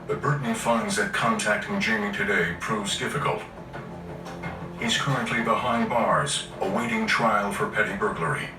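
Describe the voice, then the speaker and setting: Low-voiced man narrating true crime over music. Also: steady tone, moderate pace, echoey room, far from the mic, poor audio.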